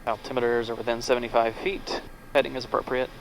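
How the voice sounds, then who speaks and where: A man talks casually over a pilot headset as he narrates cockpit checks and procedures. His voice sits at a middle pitch, with faint aircraft noise behind it. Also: little pitch movement, fast, gravelly, poor audio. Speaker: pilot and vlog host. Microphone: aviation headset. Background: aircraft cabin noise.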